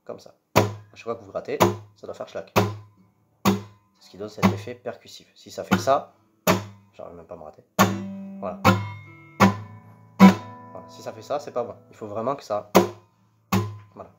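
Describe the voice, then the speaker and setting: A man's voice: on the low side, moderate pace, vocal fry, long pauses. A man teaching guitar chords and strumming in a patient, step-by-step way, singing the strum patterns with syllables. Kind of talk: casual guitar tutorial. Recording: guitar playing loud behind speech. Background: acoustic guitar.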